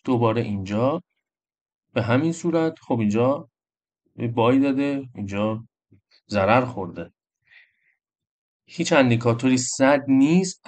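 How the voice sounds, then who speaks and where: Casual male trading tutorial host. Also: medium pitch. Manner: casual, addresses viewers as friends. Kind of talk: screen-recorded trading tutorial.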